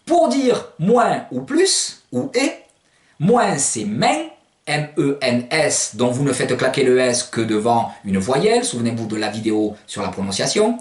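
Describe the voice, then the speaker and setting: A man's voice: mid-range voice, big pitch swings, normal speed, few pauses. A man giving a recorded language lesson, explaining words patiently and spelling them out letter by letter. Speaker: language teacher. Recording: roomy, distant from the mic.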